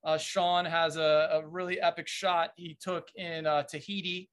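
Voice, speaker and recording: High-voiced American man hosting an interview. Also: level tone, fairly bright tone. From United States. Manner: enthusiastic, halting delivery, surfer slang. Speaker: show host.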